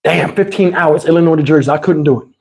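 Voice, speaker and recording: Chatting fast with his livestream viewers, a man speaks in a fairly high, creaky, slightly mellow voice with fairly even intonation. His talk is casual and rambling, loaded with slang and swear words.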